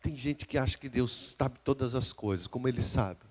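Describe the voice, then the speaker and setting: A man with a Brazilian Portuguese accent preaches a live sermon as pastor. His delivery is emphatic. He swings between hushed, confiding passages and loud calls to the congregation, with his voice sitting at an ordinary middle pitch. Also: moderate pace, husky.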